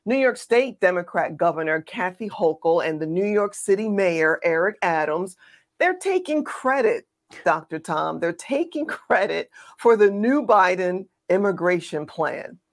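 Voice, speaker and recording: A woman co-host delivers pointed political commentary in a somewhat low voice. She is emphatic and sarcastic, and she speaks straight to her viewers. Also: normal speed, few pauses. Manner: emphatic, sarcastic, addresses the audience directly.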